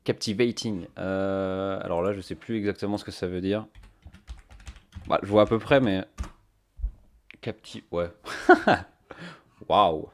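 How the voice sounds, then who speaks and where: A man's voice: deep voice, steady tone, measured pace, pauses often. A man chatting casually to his stream viewers, thinking aloud with many fillers on a cheap microphone. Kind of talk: casual live-stream chat.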